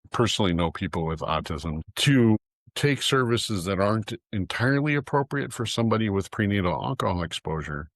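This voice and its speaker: A man's voice: sits low, no echo. A man speaking as a guest author on an interview podcast, frank and emphatic, often agreeing. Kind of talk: conversational interview.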